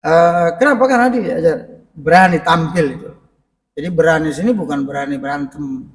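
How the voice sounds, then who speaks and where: A middle-aged man with a high voice preaches in a relaxed, conversational way and keeps turning to the congregation. He sounds set back from the microphone. The mosque hall gives his voice a long, echoing tail. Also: a little fast. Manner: conversational, addresses the congregation directly. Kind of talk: mosque parenting lecture. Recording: echoey mosque hall, mic at a distance.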